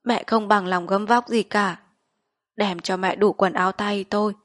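A woman voicing a dying elderly mother who gives calm, firm instructions about a frugal funeral. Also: medium pitch, a little slow, no room sound, clean studio sound, natural voice.

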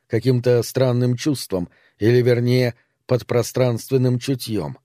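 A man reading an audiobook in a measured storytelling manner. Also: medium pitch, warm tone, no room sound, clean studio sound. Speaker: narrator. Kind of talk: audiobook narration.

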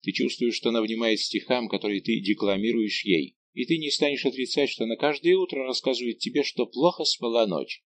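A man voicing a scheming young nobleman who taunts and quickly flares into anger. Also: medium pitch, a little hiss or hum, close to an everyday voice. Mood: insinuating. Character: scheming young nobleman, mocking and hot-tempered.

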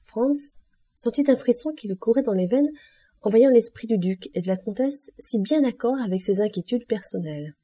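A woman reading a classic novel aloud as an audiobook narrator, in a measured, even way. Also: a little high, breathy edge. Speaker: audiobook reader.

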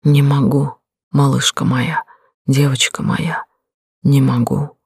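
A reader voicing a guilt-ridden young man in an audiobook, hoarse and pleading in a broken way. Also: medium pitch, level tone, slow pace, no echo, studio quality, full character voice. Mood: anguished. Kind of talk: audiobook reading.

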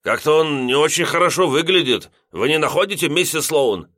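A man's voice: on the high side, expressive, fairly quick, fairly bright tone, no room sound, clean studio sound, voice pushed up. A man voicing a drunk, giggling heavyset lodger who talks in a silly, drawling way. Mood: tipsy.

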